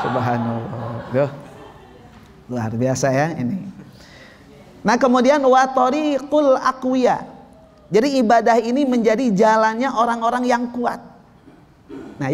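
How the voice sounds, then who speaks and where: A man preaching a religious lecture, telling stories and asking the audience questions. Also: high voice. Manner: lively, asks the audience questions. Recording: long hall reverb.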